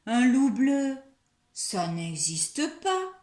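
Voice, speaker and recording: A woman's voice: big pitch swings, drawn-out words, echoey room, exaggerated voice. A woman doing a squealing prankster mouse. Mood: gleeful. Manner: shrill, shouting, giggling. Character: mischievous little gray mouse, giggly prankster.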